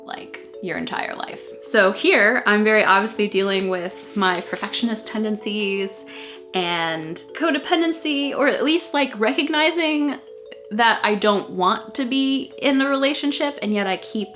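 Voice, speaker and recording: A woman's voice: medium pitch, unhurried. Young woman, casual and self-mocking, music behind. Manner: animated, self-mocking, giggly. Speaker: vlogger. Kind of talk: casual chat while reading old diary entries aloud.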